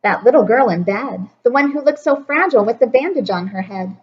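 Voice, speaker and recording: A woman's voice: fairly high pitch, expressive, fairly quick, husky. Woman reading loyal sidekick, eager, urgent, storybook, dull sound. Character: loyal eager companion of the jester.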